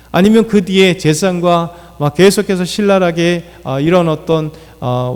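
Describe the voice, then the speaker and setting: A man's voice: a little high, a little mellow. A male pastor preaching an early-morning sermon, talking freely with fillers and acting out quoted lines. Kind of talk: dawn prayer sermon. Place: church sanctuary. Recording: church hall reverb.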